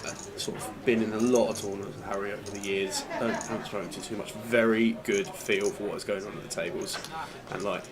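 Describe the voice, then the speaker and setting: Male card-tournament commentator, low register, analytical and conversational, audible crowd in background. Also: steady tone, a little fast, hardly any pauses. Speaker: poker commentator. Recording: crowd murmur behind the voice.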